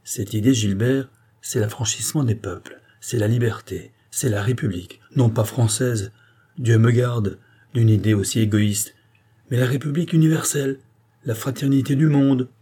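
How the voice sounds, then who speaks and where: A man's voice: mid-range voice, normal speed, warm tone, breathy edge, natural voice. A man reading the part of a cold, scheming male occultist in an audiobook, with a sweeping, relentless oratorical delivery. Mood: grandiose.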